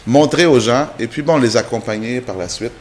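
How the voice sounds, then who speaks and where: A man's voice: medium pitch, moderate pace, slight background noise. Man explaining patiently. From Canada. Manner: explanatory, with frequent restarts. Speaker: guest, immigration trainer. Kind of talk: TV interview answers.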